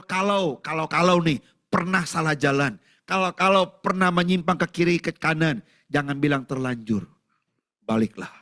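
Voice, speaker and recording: Lively, bright-voiced Indonesian preacher man. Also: high-pitched. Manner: animated preaching, asks the congregation questions, shouts out prayers. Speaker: pastor. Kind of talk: sermon. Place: church service.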